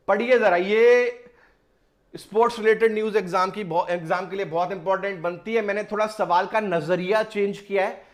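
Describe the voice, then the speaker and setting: Guy teaching exam vocab, high voice, slow, keeps repeating words call and answer. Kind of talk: exam-prep vocabulary lesson.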